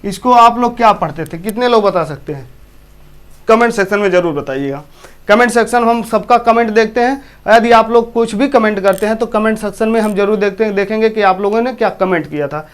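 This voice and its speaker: Male teacher, eastern Uttar Pradesh accent; high, clean voice; repeats himself and questions the class. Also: brisk, clear, resonant tone. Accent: Hindi, from eastern Uttar Pradesh. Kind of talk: classroom lesson.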